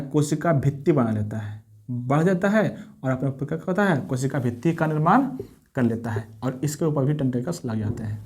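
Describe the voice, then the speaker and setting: A man's voice: on the high side, a little mellow. A man teaching biology at a board, asking rhetorical questions, answering them himself and repeating key terms. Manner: repeats key terms, mixes Hindi and English. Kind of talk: blackboard lesson.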